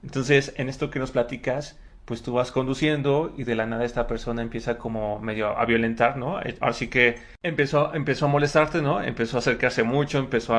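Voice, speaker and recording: A man's voice: medium pitch, fairly bright tone. Man explaining psychology. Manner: explanatory, cites studies, frequent tag questions and hesitant repeats. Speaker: psychologist podcast host. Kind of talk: casual conversational podcast.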